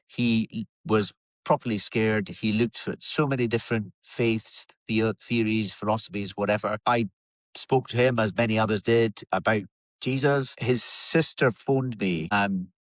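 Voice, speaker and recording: A man's voice: fairly low pitch, dry recording, low-quality recording. A man co-hosting a casual Bible discussion, reading scripture aloud and telling a personal story in a reflective way.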